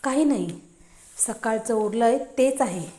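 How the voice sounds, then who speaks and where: A woman's voice: a little high, expressive, a little slow, warm tone, echoey room. A woman voicing a playful, thrifty female robot housemaid who speaks meekly and deferentially.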